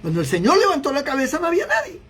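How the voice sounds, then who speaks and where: A man's voice: extremely high pitch, wildly swooping pitch, rapid-fire, a bit bright. A man preaching a sermon as a pastor, with impassioned delivery, acting out the voices of a crowd.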